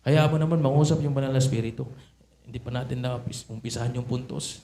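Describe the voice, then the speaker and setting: A man's voice: medium pitch, fairly even intonation, fast, dark tone, slight background noise. A man preaching a sermon in Tagalog mixed with English, often asking the congregation rhetorical questions. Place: church sanctuary. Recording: echoey church hall.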